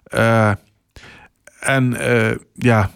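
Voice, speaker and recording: A middle-aged man with a Limburg Dutch accent, speaking reflectively and a little haltingly as a guest in a conversational interview. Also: mid-range voice, fairly even intonation, gravelly, a bit bright, smooth, dry recording, studio quality. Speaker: local broadcaster, podcast guest.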